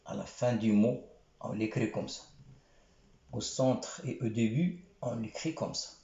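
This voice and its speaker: A man teaching the Arabic alphabet in a slow, patient lesson, repeating syllables and checking that his students follow. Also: mid-range voice, steady tone, gravelly, warm tone, roomy sound, muffled recording.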